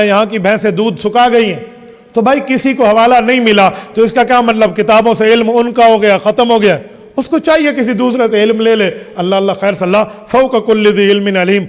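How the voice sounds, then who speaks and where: A male Islamic scholar answers religious questions emphatically, firing rhetorical questions and listing points one by one. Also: sits high. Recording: long hall reverb.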